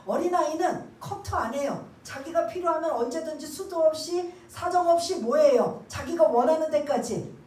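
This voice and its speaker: A high-pitched woman preaching a sermon, picked up from some way off the mic. The church room rings with echo, and faint ambience sits underneath. She asks the congregation questions, then goes hushed to act out a prayer. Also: moderate pace, far from the mic. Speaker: pastor. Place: church sanctuary.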